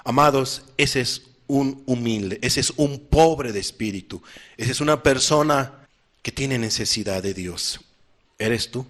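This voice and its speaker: A man's voice: medium pitch, unhurried, fairly bright tone. A man preaching a sermon, emphatic and repeating his key phrases as he addresses the listeners directly.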